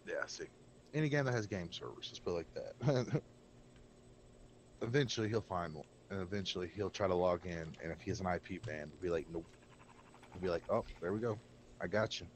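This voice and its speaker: A low-voiced man talks a little fast over faint hiss or hum from a desk microphone next to his keyboard. On a casual gaming stream, the game server co-host rambles bluntly with a cigarette in his mouth.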